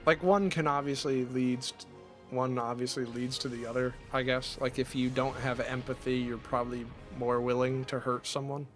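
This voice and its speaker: A man's voice: mid-range voice, little pitch movement, moderate pace, faint music behind. A man streaming a video game and chatting casually, rambling with many restarts and laughs. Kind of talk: casual chat while gaming.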